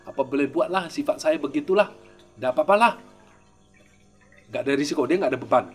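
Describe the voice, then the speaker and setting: A man who is a Buddhist monk, giving an informal Dharma teaching in a lively, conversational way, full of rhetorical questions. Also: fairly quick, soft background music. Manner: acts out quoted speakers with raised pitch.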